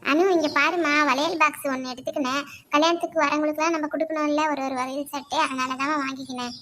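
Fields: woman doing a brisk cartoon big sister. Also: high-pitched, fairly even intonation, pushed and bright, a little hiss or hum. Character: bossy married older sister, practical. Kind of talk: cartoon voice acting.

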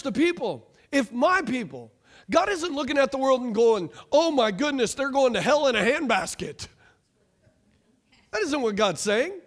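A man, preaching a lively call-and-response sermon from a church stage. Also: very high-pitched. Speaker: pastor. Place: church stage, large room.

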